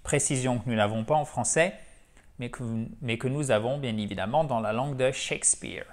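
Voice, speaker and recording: A man who speaks natively, teaching English in a lively, chatty way and drilling words over and over. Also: mid-range voice, brisk. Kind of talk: French-language English lesson.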